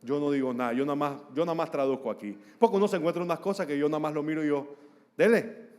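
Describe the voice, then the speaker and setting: A man's voice: a little high, very fast, a little mellow. A man preaching a sermon as pastor, telling the story with humor and acting out the voices of people in it. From Panama. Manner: storytelling with humor and acted-out dialogue. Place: large church hall. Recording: long hall reverb.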